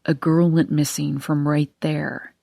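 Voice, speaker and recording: A woman voicing a caring, worried adult male boyfriend, a lawyer, speaking low, soft and quiet. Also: flat delivery, measured pace, gravelly, dry recording, clean studio sound.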